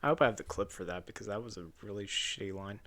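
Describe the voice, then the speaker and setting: A man's voice: on the low side, fast, fairly bright tone. A man reading his own video essay script raw and unedited, casual and wry, swearing and restarting flubbed lines.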